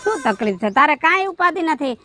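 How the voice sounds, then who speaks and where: A man's voice: very high voice, very animated, quick pace, loud music behind the voice. A man playing a caring village maternal uncle in a comedy sketch, with a Saurashtra Gujarati accent, giving fatherly advice. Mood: counselling. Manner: fatherly counselling.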